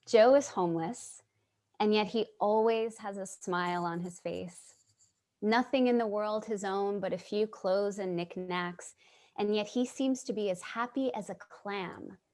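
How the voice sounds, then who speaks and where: Her voice sits at medium pitch with a darkish, natural tone as she plays a casually dressed, compassionate middle-aged Manhattan native narrating a dramatic monologue. The staged play reading happens on a video call from her home, and her slow, measured, reflective storytelling sounds fond and wistful.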